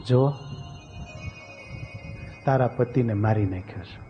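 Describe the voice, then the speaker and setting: A man voicing a divine lord who speaks in a reassuring, measured way. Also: medium pitch, muffled recording, faint music behind, pitched below the performer's own voice, close to an everyday voice. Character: calm, comforting divine lord.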